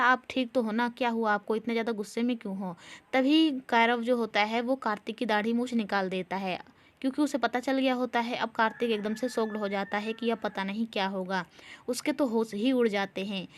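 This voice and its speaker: A woman casually narrating a recap of a TV serial episode, retelling the scenes in plain everyday words. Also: fairly high pitch.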